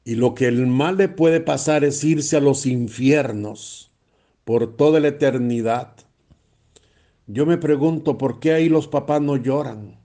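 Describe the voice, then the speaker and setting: A man's voice: medium pitch, measured pace, warm tone. A man, a priest preaching a blunt, emphatic sermon and repeating phrases for stress.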